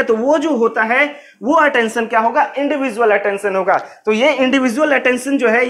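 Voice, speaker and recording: A man's voice: extremely high pitch, a bit bright. A man teaching an exam-prep lecture on English teaching methods, explaining in Hindi mixed with English terms and repeating key phrases.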